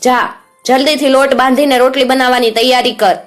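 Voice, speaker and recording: A shrill old storybook witch, cruel and greedy, who barks her orders in a loud, high-pitched voice, as a woman narrator puts her on. Soft music plays faintly underneath. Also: expressive, normal speed, natural voice. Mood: scolding. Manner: shrill, scolding, barking orders.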